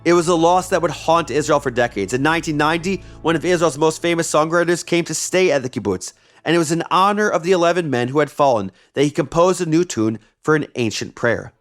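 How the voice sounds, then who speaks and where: A man's voice: on the high side, fast talker, soft background music. A man hosting a history podcast, narrating a script with wry, conversational asides. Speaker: podcast host.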